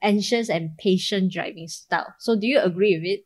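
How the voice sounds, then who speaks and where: Woman, Singaporean accent, colloquial Singlish, playful casual chat, average pitch. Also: fairly quick. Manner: colloquial Singlish with sentence particles.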